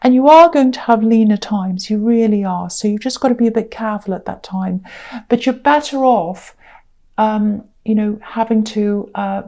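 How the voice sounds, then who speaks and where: Woman, tarot reader, casual reading to camera, sore throat, tired, unhurried, warm tone. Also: medium pitch. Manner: unhurried, repetitive, with many ums.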